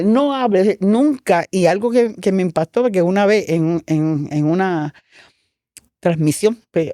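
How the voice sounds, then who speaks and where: A woman's voice: medium pitch, mellow, no room sound, studio quality. A woman pastor giving her testimony in an interview, telling her story with feeling and acting out the dialogue she quotes.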